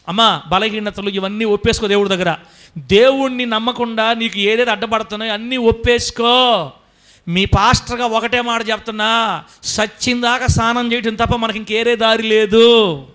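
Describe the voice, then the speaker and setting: Male pastor, Telugu accent, high pitch, fervent sermon that calls on the congregation. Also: a bit bright. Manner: preaching with rising intensity, calling on the congregation. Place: church service.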